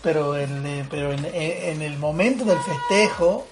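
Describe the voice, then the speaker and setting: Chatty man, laughing a lot. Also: on the high side. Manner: chatty, laughs often, quick bursts. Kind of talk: casual chat.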